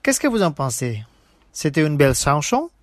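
A woman presenting a scripted radio language lesson, speaking slowly and repeating each phrase twice. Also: sits low, sing-song.

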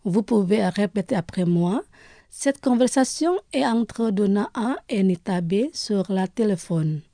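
A woman presents a radio language lesson, pronouncing each word slowly and carefully twice for listeners to repeat. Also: mid-range voice, expressive, warm tone, dry recording.

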